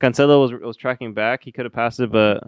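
A man's voice: medium pitch, steady tone, fast talker, no room sound. A young man co-hosting a casual podcast, laid-back, laughing often and swearing casually. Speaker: podcast co-host. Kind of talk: casual chat.

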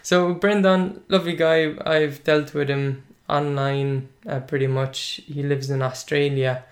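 A man's voice: a little high, level tone, unhurried. Irish guy, thirties, first language irish, chatty and good-humoured, talks casually to his viewers. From Ireland. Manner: chatty, good-humoured, reads out comments with asides. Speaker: language teacher and podcaster. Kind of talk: casual talk to camera.

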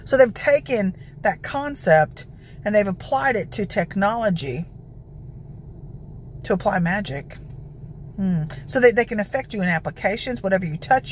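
A woman with a gravelly voice giving informal, emphatic devotional exhortation as a prayer preacher. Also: medium pitch, a little hiss or hum, low-quality recording. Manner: emphatic, declarative, peppered with scripture citations.

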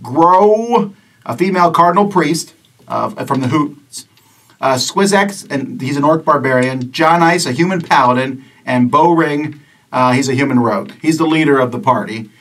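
A man in a slightly high voice narrates a tabletop game as game master. He talks casually and rambles, often restarting his sentences. The mic sits some way off from him. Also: normal speed, a bit bright. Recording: distant mic in a room.

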